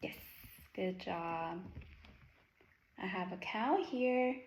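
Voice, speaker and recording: A woman's voice: mid-range voice, very slow, lo-fi sound. A woman teaching a young child with simple prompts and repeated praise, talking as if to a toddler in an encouraging way. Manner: encouraging, repetitive, sing-song animal sounds and praise. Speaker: teacher or speech therapist working one-on-one with a young child. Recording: noisy, echoey room recording.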